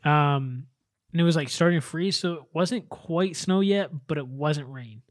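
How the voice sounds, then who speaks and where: A man's voice: on the high side, a little slow, no echo, studio quality. A young man co-hosting a casual podcast, easygoing and profane, often agreeing with his friend. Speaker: podcast co-host.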